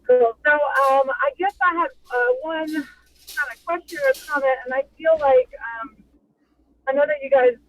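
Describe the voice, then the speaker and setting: A man's voice: very high voice, expressive, unhurried, a bit bright, faint music behind, low-quality recording. A man calling in over the phone while on the road, speaking hesitantly with many fillers on a breaking-up line. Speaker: coach calling into a meeting.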